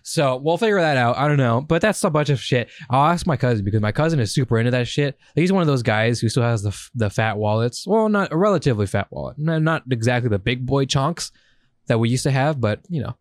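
A young male podcast co-host talks fast in a mid-range voice, recorded with no echo. In casual chat he tells animated stories, swearing a lot and acting out his own reactions.

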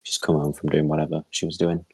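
A man's voice: a bass voice, monotone, quick pace, darkish tone, husky, no echo. A young man, a podcast co-host rambling through a funny story with lots of fillers and swearing. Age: young adult. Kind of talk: casual chat and anecdote.

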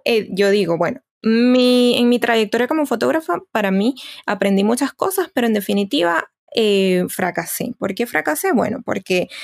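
A woman's voice: a little high, creaky, a little mellow, dry recording, studio quality. A woman guest on a podcast, telling her story thoughtfully and hesitantly, with many fillers. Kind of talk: casual podcast conversation.

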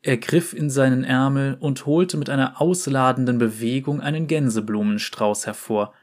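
A man calmly narrating a storybook. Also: medium pitch, normal speed. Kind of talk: storybook reading.

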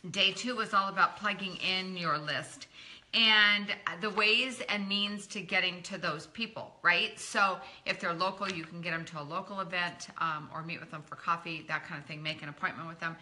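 A middle-aged woman coaching network marketing hosts a live training, warmly encouraging and chatty while naming viewers as she greets them. Her voice is on the low side, bright and forceful, at a moderate pace. Heavy talking has left it slightly croaky.

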